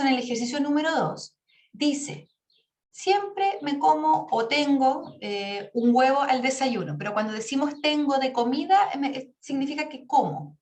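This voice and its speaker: A woman teacher walks her students through grammar, patient and methodical, checking often that they follow. Her voice sits a little high and carries a noticeable room echo. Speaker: English teacher. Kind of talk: online class explanation.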